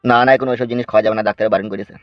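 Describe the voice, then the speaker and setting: A man acting as a wounded father in a family drama, hushing and pleading in an anxious voice. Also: on the low side, steady tone, rapid-fire, no echo, highs cut off. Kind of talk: emotional village drama acting.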